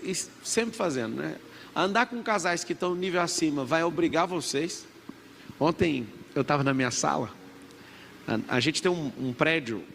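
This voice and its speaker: Brazilian man in his thirties, gravelly and a touch high, emphatic motivational speaker, reverberant hall with faint noise. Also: a bit bright. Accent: Brazilian Portuguese. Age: 30s. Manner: emphatic, preachy, has the crowd repeat after him. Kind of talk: motivational talk to a live audience. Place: large event hall.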